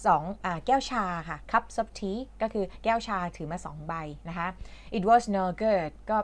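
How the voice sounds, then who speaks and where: A woman's voice: medium pitch, normal speed, fairly bright tone. A woman from Thailand who teaches English, patiently explaining a reading lesson in a chatty way with lots of fillers.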